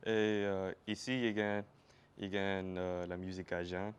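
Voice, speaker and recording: A man with a Louisiana Cajun-Creole French accent hosting a casual interview, speaking haltingly and repeating his phrases. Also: low voice, flat delivery, smooth, dull audio. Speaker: interview show host.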